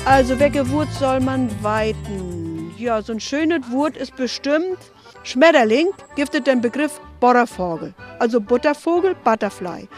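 A woman guides visitors through a museum, spinning chatty anecdotes in a high voice. She tags her sentences with a friendly "ne?". Faint music plays behind her. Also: expressive, a little slow. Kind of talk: casual storytelling.

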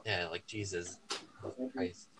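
A man's voice: low-pitched, flat delivery, slow. Opinionated young man, noisy recording. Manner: opinionated, sarcastic. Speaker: guest movie reviewer. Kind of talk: casual chat.

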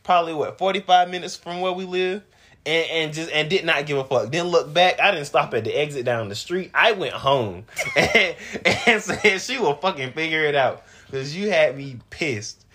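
A man's voice: fairly high pitch, normal speed. A young man co-hosting a podcast, telling stories with lots of fillers and acting out what people said. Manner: animated storytelling, acting out quotes, lots of fillers. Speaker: podcast co-host. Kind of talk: casual chat.

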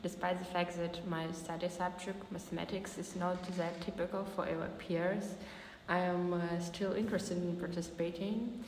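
A woman's voice: lowish voice, level tone, normal speed, a little mellow. Young woman, echoey room. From Ukraine. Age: young adult. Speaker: guest, student. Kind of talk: podcast interview. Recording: echoey room with faint background noise.

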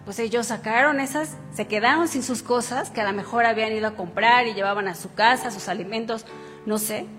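High-voiced woman preaching in a reverberant hall. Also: a little fast, a bit bright. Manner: conversational, asks rhetorical questions; reads scripture aloud. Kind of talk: sermon. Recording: reverberant hall with faint music. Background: faint instrumental music.

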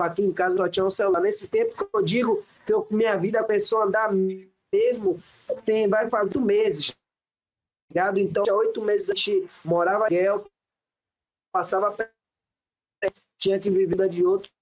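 A man's voice: high-pitched, normal speed, rough recording. A man telling a story in slangy street talk as a podcast guest, heard over a choppy video call that keeps cutting out. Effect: choppy, cutting-out video-call audio.

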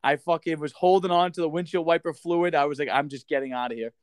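A man's voice: a little high, fairly even intonation, fast, clean tone, no echo. A man co-hosting a casual podcast, swearing freely and acting out quotes as he tells stories. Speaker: podcast co-host.

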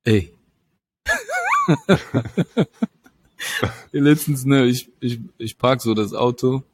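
A young man casually telling a story in slangy talk, animated and laughing often. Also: medium pitch, very slow, husky, no echo, studio quality.

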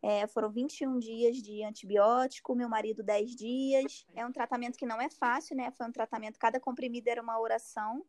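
A woman in her thirties casually telling a personal story in an animated way, acting out her own cries and other people's words. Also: on the high side, a little fast, hardly any pauses. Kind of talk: casual chat.

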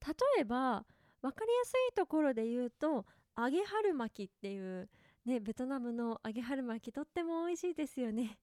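High-voiced woman podcaster. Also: normal speed, no echo, studio quality. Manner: chatty, friendly, lively asides and rhetorical questions. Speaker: podcast host. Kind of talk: casual solo podcast talk.

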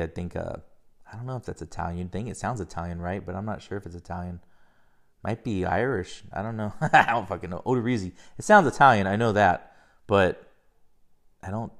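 A man's voice: low voice, gravelly. Rambling, profane man talking baseball. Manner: rambling, profane, gets worked up. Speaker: podcast host. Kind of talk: casual sports chat.

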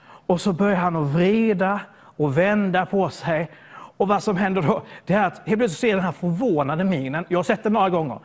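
Male preacher from southern Sweden, high voice, storytelling sermon delivery with restarts. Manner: storytelling, repeats words when searching.

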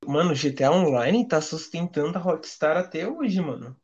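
A man's voice: fairly high pitch, expressive, normal speed, a little mellow, slightly rough, highs cut off. A young man with a Brazilian Portuguese accent, chatting casually in heavy slang. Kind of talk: casual chat.

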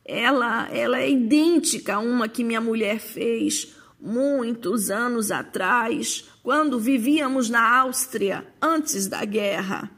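A woman voicing a stunned elderly man who speaks slowly and falters. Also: fairly high pitch, fairly bright tone, slightly rough, heavily acted. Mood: bewildered. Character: stunned, bewildered old man.

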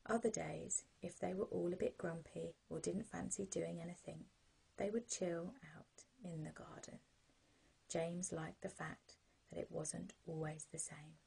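Soft, husky British woman telling sleep stories. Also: fairly low pitch, poor audio. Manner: gentle, calming, unhurried guidance. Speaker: sleep story narrator. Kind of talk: soothing bedtime story narration for children.

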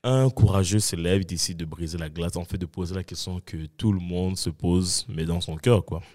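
A man's voice: low voice, normal speed, darkish tone. A young adult man, a podcast guest, telling a story in casual chat and acting out the voices of other people.

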